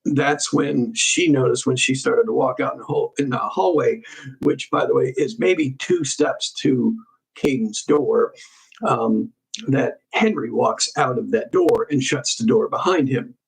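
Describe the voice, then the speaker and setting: A man hosting a crime investigation show, casually walking through a case in halting speech full of ums and restarts. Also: mid-range voice, gravelly, slightly rough, low-quality recording.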